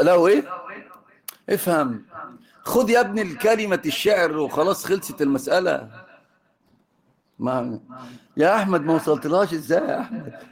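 A man with an Egyptian accent giving an informal religious lesson, teasing and joking with his students as he moves between classical and colloquial speech. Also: fairly high pitch. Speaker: religious teacher.

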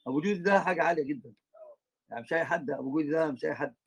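Quick, high-voiced Egyptian sheikh. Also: male voice, gravelly, breathy edge. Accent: Egyptian Arabic. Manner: animated, teasing students, switches between colloquial and formal Arabic. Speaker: sheikh teaching a religious lesson. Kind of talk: religious lesson with banter.

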